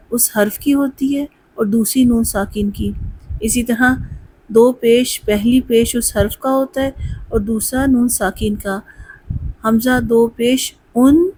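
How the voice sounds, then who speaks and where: A woman teaching a Quran pronunciation lesson, explaining where each sound is made and then chanting the syllables slowly and deliberately. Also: a little high, a little mellow, a little hiss or hum, rough recording. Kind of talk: Tajweed lesson, slow drill recitation.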